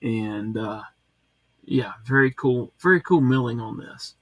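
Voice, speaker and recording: Relaxed rambling host, dry sound. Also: male voice, mid-range voice, unhurried, no echo. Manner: relaxed, rambling, many fillers and restarts. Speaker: livestream host reading viewer comments. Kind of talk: casual live chat. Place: home.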